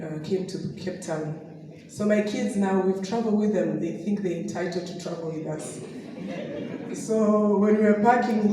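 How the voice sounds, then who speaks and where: In a mid-range, mellow voice, a middle-aged Tanzanian woman recovering from a sore throat delivers an anecdotal testimony as a guest speaker, often breaking into laughter; she works as a business distributor. The recording, captured from a distance in an echoey hall, has a little hiss or hum.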